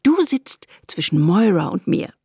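A woman reading aloud voices a lively, bossy young woman with a creaky, husky voice. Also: mid-range voice, a little slow, no room sound, studio quality, heavily acted. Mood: brisk.

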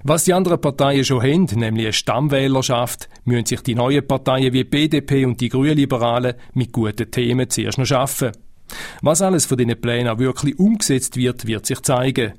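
A man with a Swiss accent delivering a scripted radio news report, measured and formal. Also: medium pitch.

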